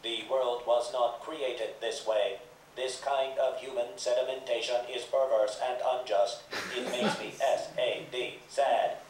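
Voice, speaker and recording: A man voicing a gentle talking toy speller who speaks slowly and earnestly, heard far off in a very echoey space. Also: medium pitch, fairly even intonation, a little hiss or hum, close to an everyday voice. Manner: slow, measured, earnest. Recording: very echoey, distant stage sound.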